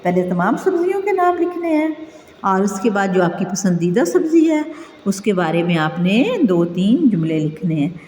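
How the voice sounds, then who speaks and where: A woman leads a children's lesson, spelling words out slowly and patiently. Her pitch rises and falls in a lively, sing-song way. The recording sits in an echoey room with a long tail of reverb. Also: slight background noise. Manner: slow, patient, spells out letters one by one. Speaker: teacher.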